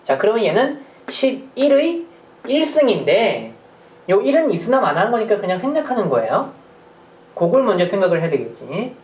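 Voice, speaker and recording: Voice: mid-range voice, very animated, normal speed, darkish tone, a little hiss or hum. A middle school math teacher giving a recorded lecture, chatty, asking rhetorical questions and cracking small jokes. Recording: roomy sound from a distant mic.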